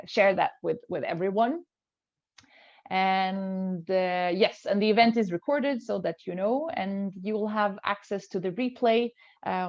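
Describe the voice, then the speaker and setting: A woman's voice: medium pitch, muffled recording. A woman hosting a webinar over a video call, with many fillers and restarts as she explains the schedule. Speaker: event host.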